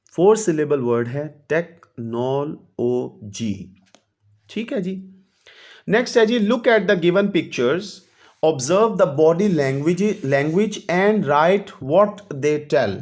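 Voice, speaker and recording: A man teaching a primary English lesson, reading each English line slowly and then explaining it. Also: on the high side, a little mellow.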